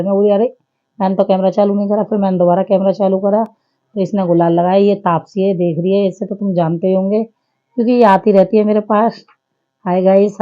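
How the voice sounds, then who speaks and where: A woman's voice: mid-range voice, muffled recording. A woman in her thirties giving a chatty, homely running commentary over her family vlog. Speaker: family vlogger.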